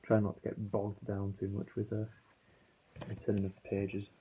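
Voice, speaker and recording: A man's voice: on the low side, completely flat delivery, moderate pace, over music. A British man chatting casually and unscripted as an album reviewer, hesitant and rambling, his voice muffled on a failing phone. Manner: rambling, hesitant, self-correcting. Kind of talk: casual, unscripted vlog chat.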